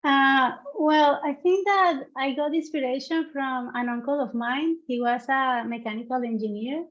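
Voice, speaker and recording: A woman who works as a front-end software engineer, telling her story earnestly with hesitant fillers. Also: sits high, moderate pace, muffled recording. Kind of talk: casual panel interview.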